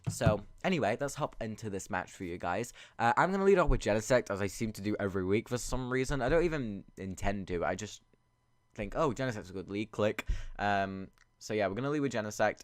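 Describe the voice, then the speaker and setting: Deep-voiced man, sniffly with a cold. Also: animated, brisk, no echo. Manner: rambling, thinking aloud. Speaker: video game battle commentator. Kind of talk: casual gameplay commentary.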